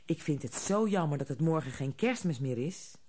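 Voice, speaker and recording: A woman voicing an excitable little boy rabbit in a children's storybook. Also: low-pitched, normal speed. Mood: wistful. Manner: eager, exclaiming.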